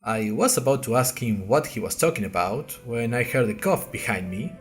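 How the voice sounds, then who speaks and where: Over soft background music, a man with a natural, medium-pitched voice and lively intonation speaks at normal speed. He plays an earnest, bewildered college newcomer hosting an audio diary podcast, narrating this fictional story directly to listeners with wry, hesitant, puzzled conversation.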